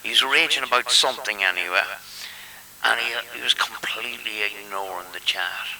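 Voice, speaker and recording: A man's voice: on the low side, moderate pace, bright, forceful tone, far from the mic, a little hiss or hum, low-quality recording. A man telling a rambling, self-amused story in casual chat, chuckling and swearing as he goes. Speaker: channel host.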